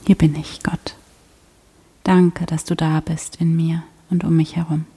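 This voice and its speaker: A woman guiding a prayer meditation in a soft, slow, half-whispered voice. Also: low-pitched, flat delivery, husky. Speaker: prayer guide.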